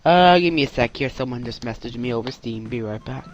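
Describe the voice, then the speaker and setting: A man's voice: mid-range voice, fairly quick, muffled recording. A man hosting a let's play, giving casual, wry, self-deprecating commentary on a game.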